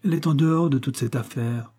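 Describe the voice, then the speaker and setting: Male narrator doing a high-strung aristocratic lady, agitated, dark and husky. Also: a little fast, natural voice. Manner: agitated, pleading. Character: English noblewoman, nervous and indignant.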